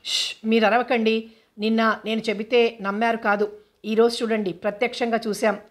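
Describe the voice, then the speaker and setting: A woman's voice: a little high, flat delivery, normal speed, lightly acted. Woman voicing a fussy meddling man. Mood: insistent. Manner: insistent, pleading. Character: fussy meddling man fretting over eyesight.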